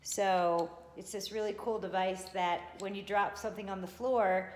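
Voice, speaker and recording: A woman's voice: mid-range voice, fairly even intonation, moderate pace, a little mellow, a little hiss or hum. A middle-aged woman giving a casual video diary update, speaking into a handheld phone at arm's length in an open living room at home. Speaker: vlogger. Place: indoors, open high-ceilinged living room and kitchen at home. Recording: long room reverb.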